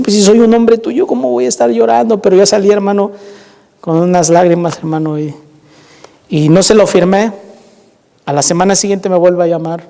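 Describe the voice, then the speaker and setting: A man's voice: high voice, warm tone. A man preaching a sermon in a church, telling a personal testimony with fervor and repeatedly calling out to the congregation as brothers. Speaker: pastor. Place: church sanctuary. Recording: long reverb of a church hall.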